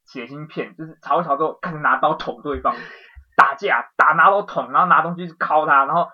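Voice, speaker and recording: A man telling a strange dream in excitable casual podcast chat, swearing now and then. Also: fairly high pitch, fairly quick, husky. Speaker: podcast co-host. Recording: dull lo-fi podcast audio.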